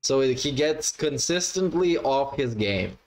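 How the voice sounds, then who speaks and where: A man's voice: medium pitch, expressive, slow pace. A man giving blunt, mocking, sweary casual commentary as a streamer reacting to gameplay. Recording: noisy livestream with game audio.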